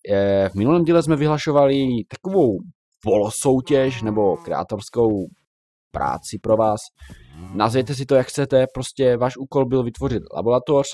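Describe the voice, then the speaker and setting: A young Minecraft YouTuber with a mid-range voice chats casually while showing off his game, sometimes shouting in reaction to the creatures he runs into.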